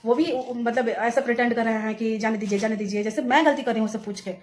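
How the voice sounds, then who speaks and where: A young adult woman vlogger telling a story in a casual, animated way, acting out what others said. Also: fairly high pitch, fast, slight background noise. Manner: animated retelling, acts out quoted people.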